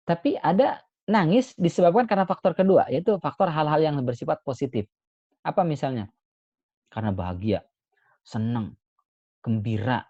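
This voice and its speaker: A male Islamic preacher giving a sermon, expressive, moving between emphatic points and soft, hushed asides. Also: medium pitch, no echo, muffled recording. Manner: expressive, swings between emphatic and soft hushed delivery, frequent pious exclamations.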